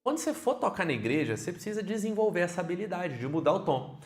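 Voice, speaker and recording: A man with a Brazilian Portuguese accent teaching keyboard online, lively and speaking straight to the viewer with frequent questions. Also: sits high, fast talker, reverberant.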